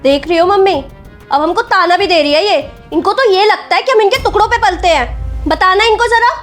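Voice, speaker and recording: A woman's voice: very high voice, brisk, a bit bright, faint music behind. A woman playing a spoiled young sister-in-law who taunts and complains in a family drama skit. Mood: taunting. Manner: taunting, whiny.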